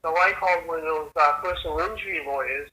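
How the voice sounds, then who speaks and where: An older man speaks over a telephone line in a very bright, sharp, fairly high voice. His casual talk is halting, with repeated words. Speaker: father calling his family. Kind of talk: casual phone conversation.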